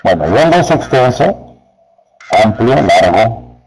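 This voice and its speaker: A man teaching a spelling lesson to teachers, explaining slowly and speaking to them directly. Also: mid-range voice, very animated, creaky, darkish tone, slightly rough, poor audio. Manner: slow, deliberate, addresses teachers directly. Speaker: teacher trainer.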